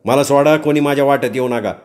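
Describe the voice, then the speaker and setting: A man's voice: mid-range voice, fast talker, natural voice. A man voicing an enraged village father. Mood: raging. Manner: shouting, defiant.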